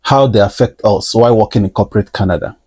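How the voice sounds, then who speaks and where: A man with a heavy non-native English accent, giving earnest, measured workplace advice to camera. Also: fairly low pitch, a little mellow, husky, dry recording. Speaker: career vlogger. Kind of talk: advisory talk to camera.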